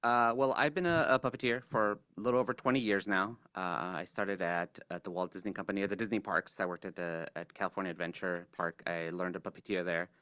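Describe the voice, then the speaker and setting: A man in his forties from Mexico, answering interview questions in a relaxed, halting way with plenty of fillers and restarts. His voice sits low but sounds bright and clear. The close mic gives a dry sound. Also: no echo. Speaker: guest puppeteer. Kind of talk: casual interview.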